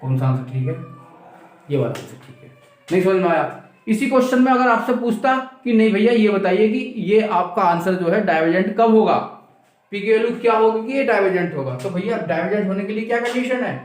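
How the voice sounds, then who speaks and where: A man's voice: high voice, expressive, a little fast. A man teaching maths in a classroom lecture. He asks the class questions, answers them himself, and repeats the key steps. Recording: very echoey room, mic far off.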